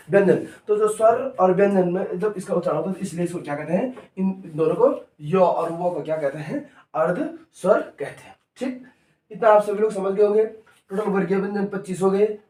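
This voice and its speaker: Male tutor, high voice, repetitive call-and-response drilling; distant mic in a roomy classroom. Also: darkish tone. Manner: call-and-response drilling, repeats each answer. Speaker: teacher. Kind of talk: classroom lesson. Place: coaching classroom. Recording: echoey room, mic far off.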